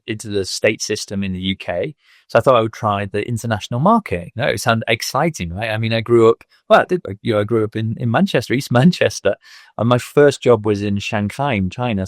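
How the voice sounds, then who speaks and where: This podcast interview features a school owner from Manchester, a man in his thirties who reflects on his working life in a Mancunian English accent and fills his speech with ums and ers. His voice sits lowish. The sound is dry and studio-clean.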